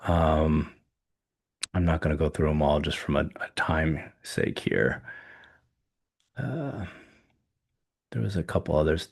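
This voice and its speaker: Male podcast host, very deep voice, hoarse, halting casual commentary with frequent ums. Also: a little mellow. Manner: halting, many ums and restarts, thinking aloud. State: losing his voice. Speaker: podcast host reviewing coin auctions.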